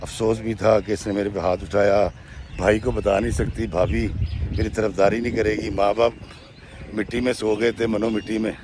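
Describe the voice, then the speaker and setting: Man doing a meek young wife, soft, pleading, in his own low-ish voice, faint noise. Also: level tone, natural voice. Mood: sad.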